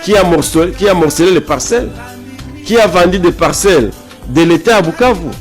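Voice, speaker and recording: A man from South Kivu with a Congolese French accent is a guest in a political interview, arguing his opinions emphatically and repeating phrases to drive his points home. His voice is high and animated, fairly quick, with soft background music.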